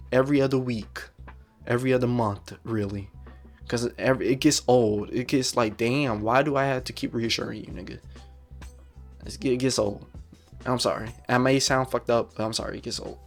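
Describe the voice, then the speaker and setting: Blunt, profane young man ranting. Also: mid-range voice. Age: 20s. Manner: blunt, profane, slangy, repetitive. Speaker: podcast host. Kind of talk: casual solo podcast rant.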